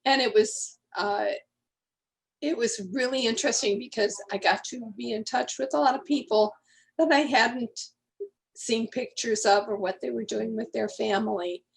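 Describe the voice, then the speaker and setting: Woman, 80s; rambling, friendly interview guest with a gravelly edge. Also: fairly high pitch, moderate pace. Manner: chatty, rambling storyteller. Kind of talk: casual conversation.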